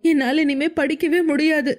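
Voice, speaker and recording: A woman voicing a tearful, desperate young female student who pleads and sobs in a high voice. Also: flat delivery, moderate pace, natural voice. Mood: tearful pleading. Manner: sobbing, high-pitched pleading.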